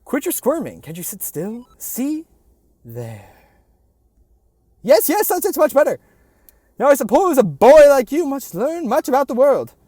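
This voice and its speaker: A let's-play commentator voicing a grumpy, pompous male talking hat shaped like a duck, in a high, blustering, mock-formal voice. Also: huge pitch swings, measured pace, pauses often, mellow, dry recording, clean studio sound, exaggerated voice. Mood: smug.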